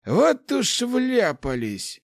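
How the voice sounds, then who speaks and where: A man's voice: fairly high pitch, big pitch swings, a little slow, no echo, clean studio sound, pitched above the performer's own voice. A man voicing a grumpy, gloomy old male mage who grumbles his lines in an audiobook. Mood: grumbling. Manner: grumbling, growling. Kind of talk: audiobook character voice.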